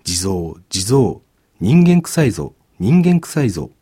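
A man voicing a gruff male ogre in a storybook reading, loud and bellowing. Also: mid-range voice, big pitch swings, normal speed, no echo, clean studio sound.

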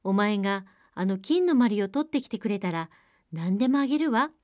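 A woman's voice: mid-range voice, expressive, brisk, dry recording, clean studio sound, natural voice. A woman voicing a spoiled young princess who talks haughtily and dismissively. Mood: haughty.

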